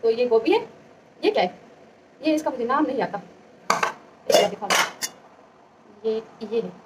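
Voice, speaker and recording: A young woman vlogging at home in casual, fast, chatty talk. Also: on the high side, expressive, recorded from a distance. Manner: quick, chatty, talks fast by her own account. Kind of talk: casual vlog chat. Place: home kitchen with dishes about. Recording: home video with noisy background.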